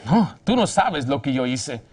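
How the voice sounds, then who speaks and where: A man's voice: mid-range voice, big pitch swings, a little slow, darkish tone, slightly rough, pitched below the performer's own voice. A man voicing a remorseful, tearful middle-aged woman in a sermon story, in an anguished, pleading way. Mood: despairing.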